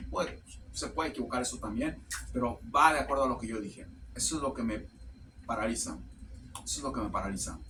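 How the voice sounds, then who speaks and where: A man giving a casual tarot reading to camera. He speaks haltingly, repeats words while searching for the next one, and tacks "ok" onto nearly every phrase. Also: medium pitch, pushed and bright, far from the mic, slight background noise. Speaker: tarot reader.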